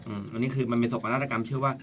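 A man's voice: mid-range voice, level tone, very fast, fairly bright tone, a little hiss or hum. A man hosting a casual podcast, telling a story in a chatty way and repeating words as he thinks. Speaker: podcast host.

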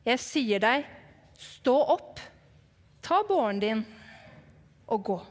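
A woman voicing Jesus as a calm, kind but firm man, speaking in slow, measured pronouncements in a storybook retelling. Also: very high-pitched. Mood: solemn. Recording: long hall reverb.

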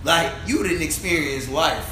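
A man in his twenties chats casually on a podcast, telling stories loudly and animatedly with slang and profanity. His voice is a little high and unhurried, recorded in an echoey room with faint ambient noise.

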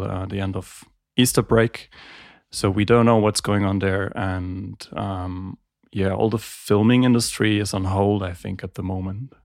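German guy being interviewed, calm measured talk, bit low and gravelly. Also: no echo, clean studio sound. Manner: calm, measured, thinks aloud with ums. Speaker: guest, audio engineer.

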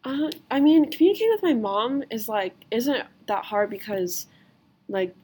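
This American podcast host, a woman in her twenties, sounds a little high and sing-song, yet husky and dark in tone. She talks at a moderate pace in a loose, chatty way, dropping "like" into nearly every phrase.

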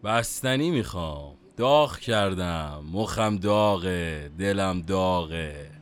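A man's voice: deep voice, lively intonation. A man playing a brooding, feverish taxi driver who muses in cryptic, repetitive fragments in a surreal audio drama. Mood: feverish craving. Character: brooding, feverish male taxi driver craving ice lollies.

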